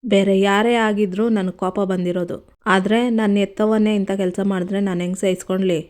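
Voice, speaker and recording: A woman's voice: medium pitch, steady tone, fairly quick, a little mellow, natural voice. Wounded stern village patriarch, read by a woman. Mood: hurt. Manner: grave, wounded reproach. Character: hurt, stern village patriarch, the grown son.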